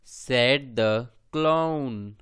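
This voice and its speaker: Very slow, crystal-clear male reader. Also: mid-range voice, fairly bright tone, no echo, clean studio sound. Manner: deliberate, word-by-word reading with long pauses. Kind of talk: slow read-aloud for beginning readers.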